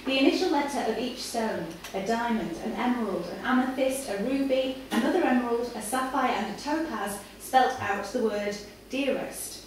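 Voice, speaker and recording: At a live literary night in a café, a woman with a fairly high voice gives a measured, dramatic reading of fiction to an audience. A far-off camera captures her, so the room echoes heavily and there's some faint noise.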